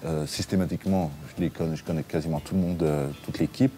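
A man in his forties, a restaurant owner, talking in an interview in a relaxed, chatty way, with fillers and restarts. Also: a bass voice, fast talker. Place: his restaurant dining room.

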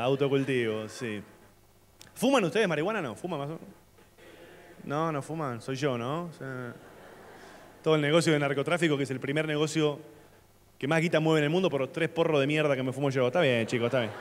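A man's voice: mid-range voice, moderate pace, pauses often, a little hiss or hum. Argentine man doing stand-up in a theater. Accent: Argentine Spanish. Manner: loose, slangy storytelling with sudden shouted bits. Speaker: stand-up comedian. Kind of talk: stand-up comedy set. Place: theater stage at a comedy festival. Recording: live theater with long reverb and faint ambience. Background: audience laughter.

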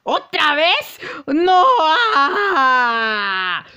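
Young mexican guy doing a goofy swear-heavy cartoon parody dub, slow draggy delivery, swoopy pitch, faint music. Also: sing-song. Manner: loud, crude Mexican slang, frantic yelps. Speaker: parody fan dubber. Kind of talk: comic parody dub, many voices.

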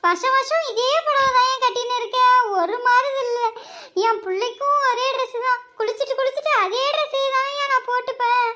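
A woman's voice: very high voice, brisk, sharp tone. A woman playing a jealous, scolding wife who cries out and laments dramatically in a comedy skit. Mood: wailing. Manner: dramatic lamenting, crying out to God. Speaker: comic actor in a skit.

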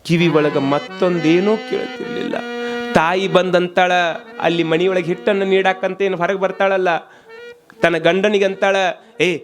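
A man's voice: sits high, fairly even intonation, normal speed, music in the background. A man preaching a storytelling sermon, acting out the story's characters and putting rhetorical questions to his listeners. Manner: acts out the voices of the story's characters.

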